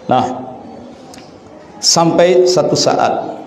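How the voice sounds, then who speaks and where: A middle-aged male Sufi preacher, telling a story in a sermon and leaping into high, excited bursts. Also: extremely slow, slight background noise. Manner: calls himself the one telling a sick man's story. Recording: echoey room with faint ambience.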